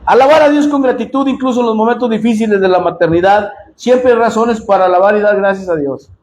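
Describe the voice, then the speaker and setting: A man with a Mexican accent preaching a sermon as pastor, impassioned and direct with the congregation, often rising to shouts. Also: sits high, fast. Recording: echoey room with faint noise.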